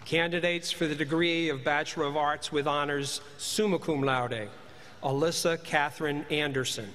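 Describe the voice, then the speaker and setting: A man formally announcing graduates at a commencement, speaking at a podium microphone and reading names in a measured, deliberate way. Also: a little high, steady tone, fairly bright tone. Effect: speaking into a podium microphone in a large hall. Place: large ceremony hall. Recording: reverberant hall, faint ambience.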